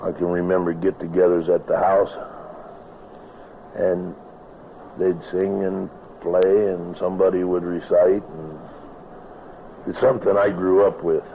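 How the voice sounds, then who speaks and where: A man with an American West accent and a gravelly voice, talking casually about his life in a folksy, halting way. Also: low voice. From northern Arizona, United States. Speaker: cowboy poet. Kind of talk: casual reminiscing interview talk. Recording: dull lo-fi, steady background noise.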